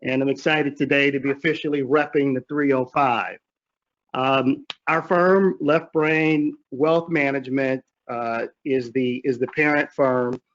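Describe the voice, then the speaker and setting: Man, webinar panelist, group video call audio, dull lo-fi sound, businesslike, steady. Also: medium pitch, a little slow. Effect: heard over a group video call. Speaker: panelist, investment firm founder. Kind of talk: webinar self-introduction.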